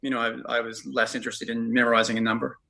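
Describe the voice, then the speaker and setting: A middle-aged man from Canada answers questions in a rambling way, pausing and starting over. He talks quickly, and his voice sounds bright and forward. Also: mid-range voice, flat delivery, creaky, rough recording. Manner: rambling, with hesitations. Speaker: podcast guest, traveler. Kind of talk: casual interview answers.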